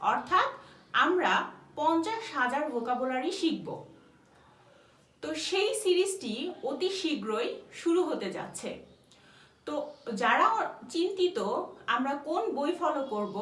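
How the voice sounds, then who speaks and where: A woman's voice: high voice, a bit bright. A woman teaching an English vocabulary lesson, spelling each word letter by letter and then giving its meaning. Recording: echoey room, voice a bit far from the mic, faint background noise.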